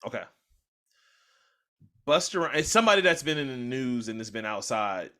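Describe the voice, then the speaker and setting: Bright-voiced young man hosting a podcast. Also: mid-range voice, moderate pace. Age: young adult. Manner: animated, argues loudly when heated. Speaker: podcast host. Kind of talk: casual chat.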